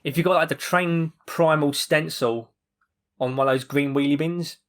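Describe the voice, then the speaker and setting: A man's voice: on the high side, fairly even intonation, moderate pace, a bit bright. A British man co-hosting a podcast, chatting casually about sports recovery. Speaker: podcast co-host.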